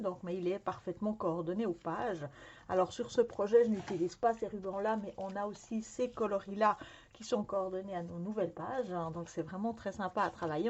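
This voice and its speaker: With a medium-pitched, slightly mellow voice, a woman runs a scrapbooking workshop and introduces her supplies. It's a friendly, casual product demonstration punctuated by lots of "euh," captured in slightly dull lo-fi sound.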